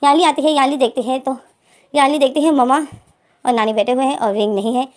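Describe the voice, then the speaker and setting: A woman's voice: high-pitched, fairly even intonation, fairly quick. A woman retelling a fan story casually, chaining lines with repeated fillers. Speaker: fanfiction storyteller.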